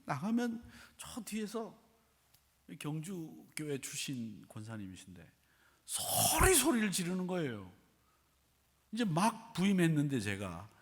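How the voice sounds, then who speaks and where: A middle-aged male pastor preaching a sermon with storytelling, animated, swinging between quiet asides and loud outbursts, with a husky voice. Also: on the high side. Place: church sanctuary. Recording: sanctuary with long reverb.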